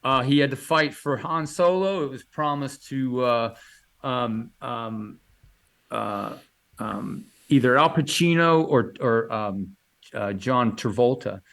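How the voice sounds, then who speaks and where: A man's voice: mid-range voice, takes it slowly, gravelly, a bit bright. A man answering interview questions in a casual, enthusiastic way, rambling with many fillers and restarts. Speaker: illustrator guest answering questions.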